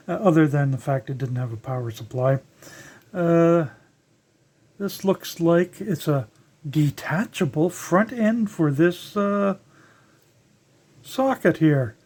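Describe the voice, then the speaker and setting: Indoors at a workbench, an older electronics hobbyist narrates a casual, unscripted teardown, halting and musing aloud while working with their hands. The voice is mid-range and warm with lively intonation.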